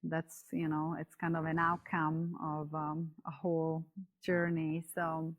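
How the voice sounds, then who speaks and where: A woman in her thirties with an Italian accent speaks slowly and unhurriedly in a lowish voice. She is a podcast guest on a video call from her home, stopping often for fillers and restarts and laughing between thoughts. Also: completely flat delivery. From Italy. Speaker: guest, coach. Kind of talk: casual podcast interview. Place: yurt at home.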